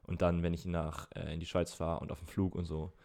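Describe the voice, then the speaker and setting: A man's voice: low-pitched, flat delivery, brisk, creaky, warm tone. A young man in his twenties, co-hosting a podcast in casual chat, explaining things at length with many fillers. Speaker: podcast co-host.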